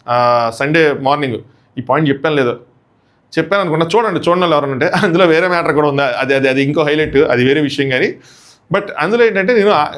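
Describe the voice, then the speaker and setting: Fast-talking man reviewing a show. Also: on the high side. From India. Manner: chatty, animated, acts out contestants' lines. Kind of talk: casual episode review commentary.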